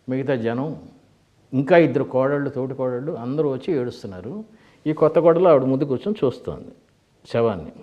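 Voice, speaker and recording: An older man giving a motivational lecture through animated stories, acting out the people in them. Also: medium pitch, muffled recording. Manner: animated storytelling, acts out quoted characters, mixes in English phrases. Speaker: motivational speaker. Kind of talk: storytelling lecture.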